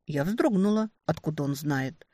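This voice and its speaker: A woman narrating a first-person romantic fantasy audiobook, expressive and lively on the heroine's lines. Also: sits low, normal speed, no room sound.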